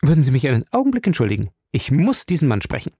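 A man doing a brisk, eager reporter. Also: medium pitch, wildly swooping pitch, mellow, breathy edge, no echo, clean studio sound, voice pushed up, full character voice. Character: keen young newspaper reporter. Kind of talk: audiobook reading.

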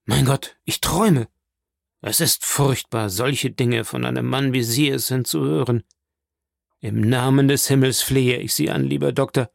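A man's voice: medium pitch, steady tone, normal speed, gravelly, no room sound, clean studio sound. A man reading an audiobook, voicing a distraught nobleman magistrate in a pleading, anguished manner.

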